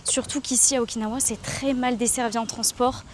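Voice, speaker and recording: A woman's voice: a little high, fairly even intonation, brisk, slight background noise. A French woman in her twenties, vlogging while walking outdoors and talking candidly and reflectively, with many hesitations. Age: 20s. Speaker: travel vlogger. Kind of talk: casual confiding vlog.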